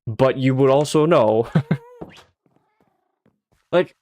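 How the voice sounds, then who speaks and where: Speaking extremely slowly in a mid-range, slightly mellow voice, the young man from Sweden keeps up casual game-stream chatter. He swears frequently and laughs at his own jokes.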